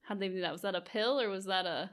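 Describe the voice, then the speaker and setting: A woman co-hosts a podcast in a relaxed, chatty way, with a bright, clear tone. She laughs easily and fills her talk with "like" and "you know". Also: mid-range voice, fast talker. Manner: chatty, giggly, many fillers. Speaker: podcast co-host. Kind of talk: casual chat.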